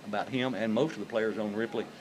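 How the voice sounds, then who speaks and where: He's a high school football announcer with a low voice, fairly even intonation, and a fast delivery, offering informal, conversational commentary. The rough live-broadcast recording carries crowd noise and other clear background sound.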